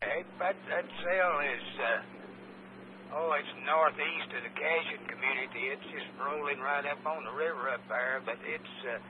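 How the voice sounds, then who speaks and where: A man working as a net controller, talking haltingly in police-radio style over a two-way radio. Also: a little high. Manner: halting, hesitant speech with many pauses. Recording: tinny narrow-band radio, clear noise and hum.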